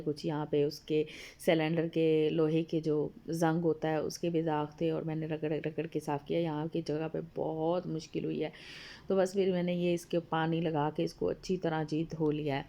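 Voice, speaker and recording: A slightly hoarse woman giving a chatty, homely voice-over for her home video, addressing viewers politely. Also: low voice, dark tone. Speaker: home vlogger. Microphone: voice-over recorded apart from the video.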